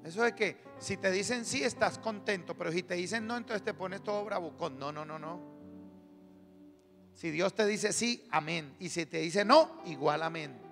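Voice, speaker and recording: A man's voice: high-pitched, moderate pace, few pauses, a bit bright. A man preaching an emphatic sermon as pastor, calling on the congregation to answer. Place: church hall. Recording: live church sermon in reverberant hall with music.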